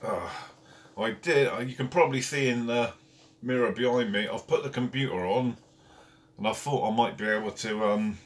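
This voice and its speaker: A man's voice: mid-range voice, moderate pace. A man hosting a casual live stream from home, chatting and greeting viewers one by one by name. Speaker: carp fishing channel host. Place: at home, indoors.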